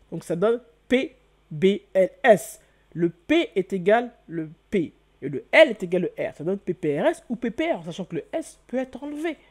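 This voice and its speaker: A man hosting an online lesson, talking the viewer through step by step. He repeats key words and exclaims often. He keeps asking the listener questions and answering them himself. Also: extremely high pitch. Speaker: channel host teaching hieroglyphs. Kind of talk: video lesson.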